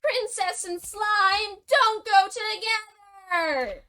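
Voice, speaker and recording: A woman voicing a sad, insecure young princess under a curse, speaking in a mopey, quiet way. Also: a little high, slow pace.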